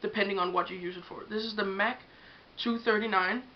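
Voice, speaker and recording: She's a young woman from Denmark doing a casual beauty tutorial on makeup brushes, her accented English not her first language. Her medium-pitched voice is steady and a little fast, and she chats hesitantly with plenty of ums over a dull, lightly hissing lo-fi home recording.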